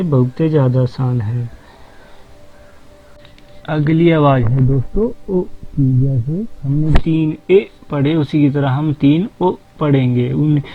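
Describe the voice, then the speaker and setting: A man gives a patient language lesson, drawing out and repeating each vowel sound. He speaks very slowly in a slightly high voice. The audio is thin and tinny, as if recorded over a phone. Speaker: language teacher. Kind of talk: slow explanatory lesson.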